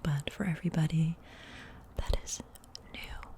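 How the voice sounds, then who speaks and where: Low gravelly whispering woman. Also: fairly even intonation, a little slow. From Netherlands. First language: Dutch. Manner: soft whisper, rambling and chatty with many fillers. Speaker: ASMR YouTuber. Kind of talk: whispered role-play.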